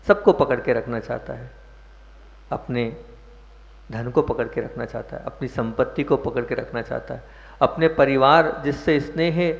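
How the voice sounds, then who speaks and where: A man giving a sermon as a Jain monk, explaining verses and putting questions to his listeners. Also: medium pitch. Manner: explains verses, asks the audience questions, stresses words. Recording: muffled echoey hall recording.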